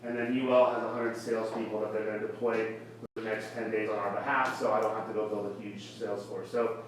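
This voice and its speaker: A startup founder from Florida pitches live at a tech meetup's event space, and his male voice is fast and monotone with a salesy, persuasive push. The mic sits far off in an echoey, roomy space, and a little hiss or hum runs underneath.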